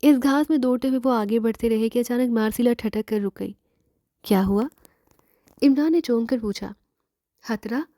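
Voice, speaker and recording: A woman's voice: on the high side, fairly quick, few pauses, dark tone, dry recording, clean studio sound. A woman narrating a dramatic thriller novel in words, reading every character herself. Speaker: audiobook narrator.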